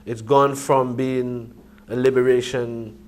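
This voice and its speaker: A man's voice: mid-range voice, little pitch movement, takes it slowly. A man with a Caribbean accent speaking in a Rastafarian manner, making emphatic points in conversational reasoning. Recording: clearly noisy ambient background.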